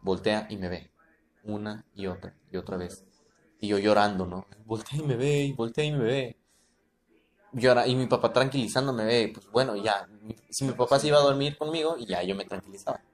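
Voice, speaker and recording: Brisk and fairly low-pitched, a man with a Mexican accent tells a creepy story from when he was a kid. It's a casual podcast conversation, and he regularly turns to his listener with "¿no?" and "¿verdad?".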